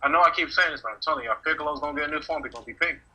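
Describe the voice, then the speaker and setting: A man's voice: fairly high pitch, rapid-fire, crowd noise, poor audio. A man chatting on a casual podcast, rambling and talking over the others. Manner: rambling, talks over others while gaming.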